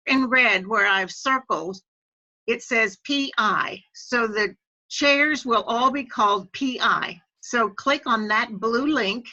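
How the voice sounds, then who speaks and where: A woman with a fairly high pitch and sharp tone trains club officers over an online video call. Her instructional walkthrough is methodical and step by step, and the web call audio sounds dull and lo-fi.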